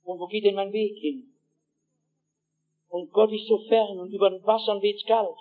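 A man, a pastor, preaching an evangelistic sermon with personal anecdotes, telling them dramatically and swinging from hushed tones to shouts while he speaks straight to his listeners. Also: high voice, steady tone, moderate pace, phone-quality sound. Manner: addresses the audience directly with asides.

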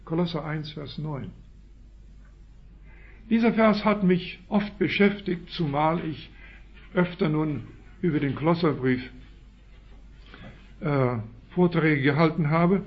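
A man with a Swiss German accent delivers a sermon in a slightly high voice. He punches out key phrases with sudden loud rises, then sinks into quiet asides, captured on a dull, lo-fi recording. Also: takes it slowly, long pauses. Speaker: preacher.

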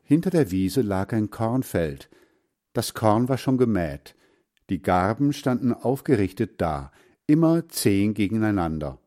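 Slow, mellow man reading a storybook. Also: lowish voice, sing-song. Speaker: narrator.

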